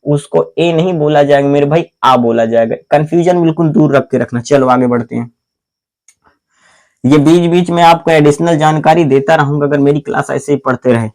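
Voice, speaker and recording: A man with a fairly high voice teaches grammar in a drilling, repetitive classroom manner. He keeps asking the same question and answering it himself, and he often calls the listener "my brother." He also spells words out letter by letter at a slow pace. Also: darkish tone. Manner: repetitive call-and-response questioning, answers his own questions; addresses the viewer as "my brother". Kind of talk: classroom-style grammar lesson.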